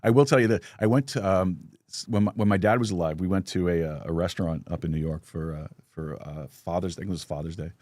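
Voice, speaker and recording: Low-voiced man hosting a casual chat. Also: fast, hardly any pauses, darkish tone, dry recording, studio quality. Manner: storytelling with lots of restarts and chuckles. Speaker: podcast host.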